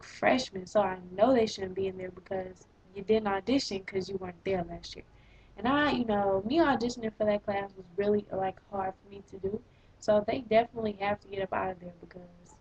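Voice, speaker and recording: A teenage girl in eleventh grade ranting in a casual vlog, sarcastic and exasperated, with a slightly husky voice. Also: medium pitch, muffled recording. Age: teens. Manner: exasperated, sarcastic, animated complaining. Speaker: vlogger.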